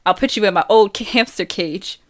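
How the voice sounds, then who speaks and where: A woman voicing a rowdy, joking teenage boy in an audiobook reading, loud and playful. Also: mid-range voice, brisk, natural voice.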